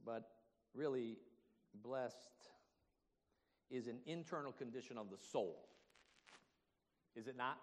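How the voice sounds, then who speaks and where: Pastor guy preaching slow and animated, laughs a lot, echoey church. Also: medium pitch. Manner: animated preaching with rhetorical questions to the congregation; slow, emphatic, laughs often. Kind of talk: sermon.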